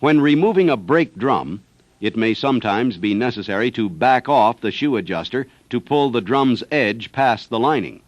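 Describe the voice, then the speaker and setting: An American man methodically reads scripted instructional narration for a service training film. His mid-range voice has lively intonation and normal speed, with no echo, on a dull, dry 1970s training-film soundtrack.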